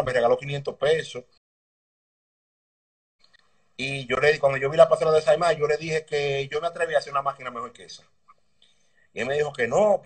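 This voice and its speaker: A man with a Dominican accent, a mechanic telling stories from his past in a relaxed, rambling way in an interview over a video call. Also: mid-range voice. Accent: Dominican Spanish. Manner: relaxed, rambling anecdotes with slang. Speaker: guest, motorbike mechanic. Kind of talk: casual interview storytelling. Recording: distant video call audio.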